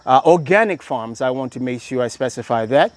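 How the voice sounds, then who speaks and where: An organic farmer from Miami, Florida, talks in a casual interview, his American accent touched by Kenyan influence. His medium-pitched voice is animated yet reflective, full of "uh" pauses as he builds metaphors. He's on a raised outdoor platform on a rural farm, with no room sound in the recording.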